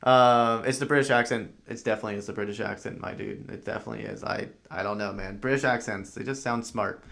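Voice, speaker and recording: A man's voice: lowish voice, fairly even intonation, quick pace, gravelly, fairly bright tone. A man hosting a live podcast, commenting casually on a video and rambling with many fillers as he thinks aloud. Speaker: podcast host reacting to a video.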